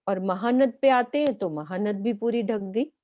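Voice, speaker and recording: A woman's voice: mid-range voice, normal speed, darkish tone, no room sound, studio quality. A woman teaching a lesson, patiently explaining step by step while pointing out details on a map. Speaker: spiritual teacher.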